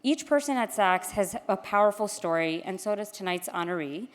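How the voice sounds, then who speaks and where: A woman's voice: medium pitch, animated, normal speed. A woman from Queens gives an informal, candid, self-deprecating podium speech as she introduces an honoree. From Queens, New York. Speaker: gala speaker introducing an honoree. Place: large indoor event hall, public address. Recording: echoey hall with long reverb.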